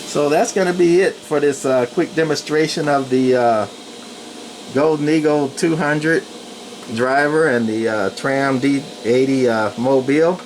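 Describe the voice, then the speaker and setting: Unhurried and mid-range in pitch, a man presenting for radio hobbyists narrates his work during a casual, no-frills equipment demo. Steady machine hum runs through the noisy room.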